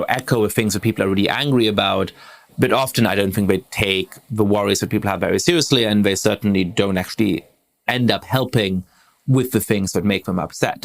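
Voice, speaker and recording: A man's voice: lowish voice, vocal fry. A man hosting an interview podcast, thoughtfully framing questions and adding his own commentary. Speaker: podcast host.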